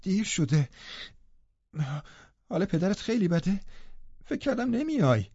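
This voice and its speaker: Sickly, fearful teen boy, begging and sobbing; male reader doing the voice, high and dark-toned. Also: very animated, no echo, heavily acted. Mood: anxious. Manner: sobbing, begging, self-pitying. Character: frail sickly teenage boy, fearful and pleading. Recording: dull lo-fi recording.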